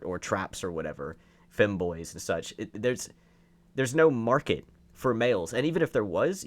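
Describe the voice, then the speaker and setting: With a lowish voice, a man delivers opinionated online commentary, reading posts aloud and reacting argumentatively and emphatically. He leans on rhetorical questions and repeated phrases.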